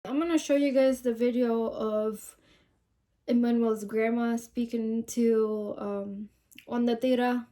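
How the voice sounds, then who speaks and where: Speaking slowly in a mellow, steady voice that's slightly high, a woman with a cold sniffles her way through relaxed true-crime talk. She quotes news reports and keeps asking the audience what they think.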